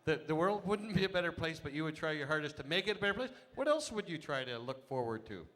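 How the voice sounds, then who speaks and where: A man's voice: on the high side, big pitch swings, quick pace, a bit bright. A man hosting a pageant, announcing contestants and putting questions to them on stage in an echoey hall with an audience. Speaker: pageant host.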